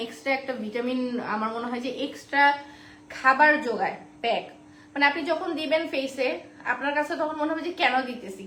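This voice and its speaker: A woman's voice: sits high, a bit bright. A woman selling skincare products on a live stream, chatty and repeating the prices and offers. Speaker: online shop seller. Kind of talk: live-stream sales pitch. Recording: roomy echo, faint background noise.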